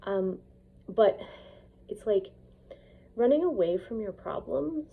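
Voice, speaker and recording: A woman vlogger and piano student from Edmonton, Canada, delivers a casual, rambling personal monologue, blunt and opinionated, with hesitant phrasing and frequent swearing. Her husky, creaky, mid-range voice is animated and slow. It was recorded on a phone, giving a dull lo-fi sound.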